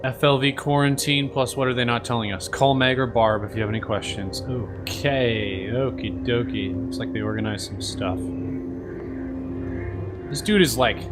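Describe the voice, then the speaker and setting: A man's voice: medium pitch, steady tone, normal speed, music in the background. A man giving offhand, casual let's play commentary, musing to himself as he plays. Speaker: gaming video host.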